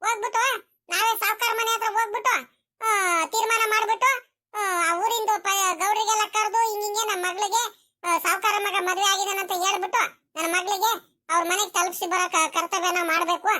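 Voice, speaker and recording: A woman's voice: very high voice, level tone, a little fast, sharp tone. A woman voicing a nagging village mother. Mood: urging. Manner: nagging, insistent. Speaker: mother in a family cartoon. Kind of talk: village comedy cartoon acting.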